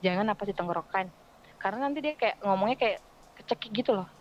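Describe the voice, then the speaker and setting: A chatty woman with an Indonesian accent, a radio voice-over artist explaining her work in a relaxed podcast chat. She talks at an easy, mid-pitched level and fills her points with quick examples. There is a faint hiss under her voice. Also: dull audio.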